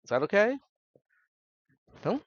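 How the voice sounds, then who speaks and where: A male college instructor whose first language is Cantonese gives a conversational classroom talk, checking in often with his students. His high voice is very animated and a little slow, captured in a dry, slightly muffled recording with no echo.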